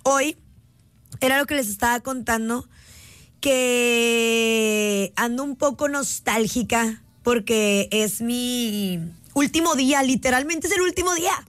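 Speaking slowly in a higher-pitched voice, a late-20s Mexican woman hosts a radio segment, reflecting casually and sincerely to her listeners and lingering on key words. She uses a phone app mic, and there is no room sound.

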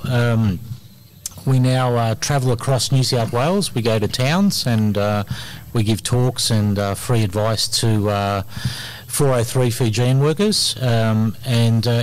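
Recorded in a community centre hall, a middle-aged Australian man who works as an immigration lawyer gives an energetic, casual radio interview filled with ums and uhs. He speaks at medium pitch, and there's a little hiss or hum.

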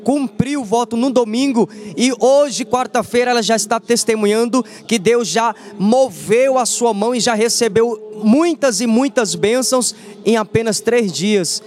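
Man, church radio host, high voice, fervent, prompting guests. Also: measured pace, darkish tone. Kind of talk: religious radio interview.

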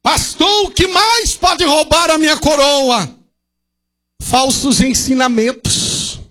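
At a church service, a pastor with a very high-pitched, pushed and bright voice delivers an impassioned sermon. He draws out his words slowly and deliberately, poses rhetorical questions, and punctuates his points with cries of hallelujah.

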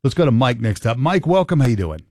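This radio talk show host, a man in his late fifties, speaks in a mid-range, sing-song, slightly mellow voice at a quick pace. In the studio he teases callers and rambles, restarting frequently. The studio microphone gives clean sound without echo.

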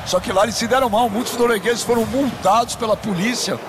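A man with a Brazilian accent hosting a live sports broadcast from a stadium booth, joking and bursting into shouts. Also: very high voice, noisy background. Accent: Brazilian Portuguese. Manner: excitable, joking, rapid swings to shouting.

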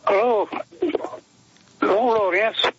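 An older man calling in to a radio program over a crackly, breaking-up cell phone line, talking in a halting, rambling way and repeating his words. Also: high-pitched, fairly even intonation, fairly bright tone. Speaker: caller. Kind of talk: radio call-in prayer request. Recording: muffled phone call on radio.

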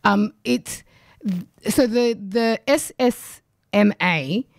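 A woman's voice: medium pitch, very slow, no echo, studio quality. A woman radio host, raised in Australia with Ugandan roots, chatting in a loose, rambling way between songs.

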